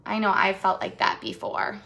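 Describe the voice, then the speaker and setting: With a medium-pitched voice and some vocal fry, a woman reads a picture book to children as their host, chatting with them and drawing them in through direct questions and expressive, stretched-out phrasing. The recording is rough.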